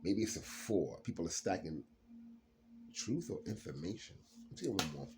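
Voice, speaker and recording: A man's voice: sits low, lively intonation, normal speed, very noisy. A man doing a late-night solo card reading, rambling and laughing often as he drawls through his thoughts. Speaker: card reader.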